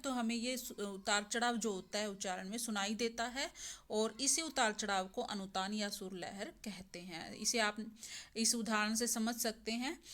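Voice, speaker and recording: A woman's voice: a little high, fairly bright tone. A young adult woman teaching an exam-prep lecture, explaining step by step and asking rhetorical questions to her students. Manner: explains step by step, with rhetorical questions and "theek hai?" check-ins.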